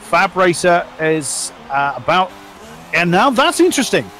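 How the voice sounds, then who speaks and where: A man's voice: sits high, big pitch swings, measured pace, bright, forceful tone. A man commentating live on a car race as a motorsport commentator, exclaiming and reacting to the action on track.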